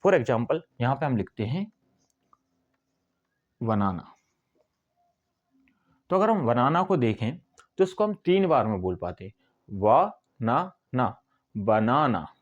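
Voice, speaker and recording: A male teacher gives a whiteboard lesson at a mid pitch. He explains step by step and stretches words out syllable by syllable. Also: big pitch swings, unhurried, long pauses, highs cut off. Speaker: English teacher.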